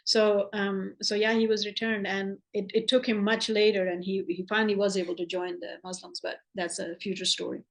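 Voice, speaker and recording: A woman's voice: mid-range voice, level tone, brisk, hardly any pauses. Woman teaching a class, chatty and unscripted. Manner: conversational, many restarts, acts out quoted dialogue. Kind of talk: informal class lecture.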